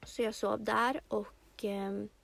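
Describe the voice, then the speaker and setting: A woman's voice: mid-range voice, level tone, creaky, a bit bright, no room sound. Earnest young woman, dry close mic. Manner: earnest, slow and reflective retelling. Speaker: podcast co-host. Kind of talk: personal casual chat.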